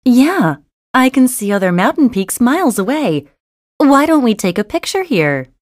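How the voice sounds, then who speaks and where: A woman voicing the female parts of a school listening test, clearly enunciated and conversational. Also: fairly high pitch, big pitch swings, moderate pace, no room sound. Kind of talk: scripted test dialogue reading. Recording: dry studio recording.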